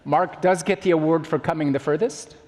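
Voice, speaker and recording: Higher-voiced male moderator in a reverberant hall. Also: fairly even intonation, a little fast, darkish tone. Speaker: moderator introducing a guest. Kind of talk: informal on-stage introduction and interview. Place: conference hall during a meal, microphone.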